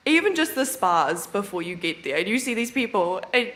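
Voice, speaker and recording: A woman's voice: medium pitch, sing-song, normal speed, a bit bright. A teenage girl from New Zealand giving a chatty, self-deprecating personal speech as a student speaker at a debating ceremony, laughing often. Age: teens. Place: large debating chamber. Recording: long reverb of a large chamber.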